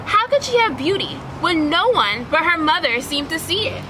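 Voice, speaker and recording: Female teacher for children's read-aloud: high-pitched, expressive storyteller, instructive, noticeable background noise. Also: moderate pace. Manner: instructional, addressing young listeners with questions. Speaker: teacher reading a picture book aloud.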